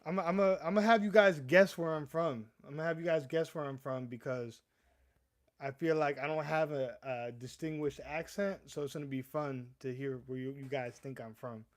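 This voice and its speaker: A young man from the American East Coast runs a casual livestream, chatting at an ordinary pace in a slightly high voice. He rambles, frequently stammering and starting over, and refers to his viewers as "bro."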